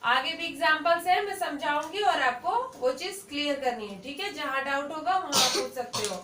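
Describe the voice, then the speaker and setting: A woman with a very high, bright voice teaches a class patiently, asking questions and checking that everyone follows. She is recorded from a distance in an echoey classroom with faint background noise. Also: lively intonation, normal speed. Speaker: English teacher. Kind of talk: classroom lesson.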